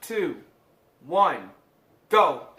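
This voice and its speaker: A woman speaks slowly and casually, as in a homemade challenge video. Her pitch moves around a lot. She sounds distant in an echoey room with faint noise. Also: very animated, sharp tone.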